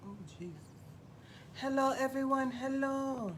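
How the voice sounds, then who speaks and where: A woman playing a sassy, glamorous TV psychic who hosts a live call-in stream in a campy, drawn-out manner. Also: high-pitched. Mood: sassy, welcoming. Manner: campy, drawn-out, calls everyone darling. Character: sassy glamorous female TV psychic hotline host. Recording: noisy live stream audio.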